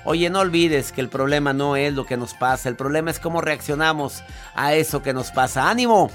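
A man hosts a call-in radio show, chatting casually with callers and co-hosts. His voice sits fairly high for a man and his manner is upbeat and encouraging. Soft music plays behind him. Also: steady tone, fairly quick. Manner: warm, upbeat motivational talk. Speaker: radio host.

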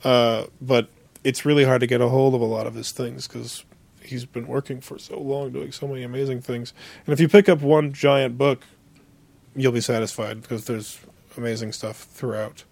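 Gravelly-voiced man chatting on a podcast. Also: medium pitch, steady tone, moderate pace, darkish tone, no echo. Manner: enthusiastic, loose and rambling. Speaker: podcast co-host. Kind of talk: casual podcast discussion.

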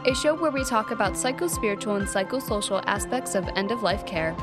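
A woman reading a scripted show introduction in a bright announcer delivery. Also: mid-range voice, lively intonation, brisk. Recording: intro over loud music.

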